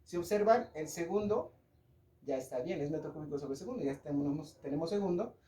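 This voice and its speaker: A young male physics teacher with a Mexican Spanish accent, his voice mellow and slightly higher than most men's. He walks through the lesson one step at a time and keeps checking that the class is following. The sound carries a noticeable room echo. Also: animated, brisk. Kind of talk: classroom lecture. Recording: echoey room.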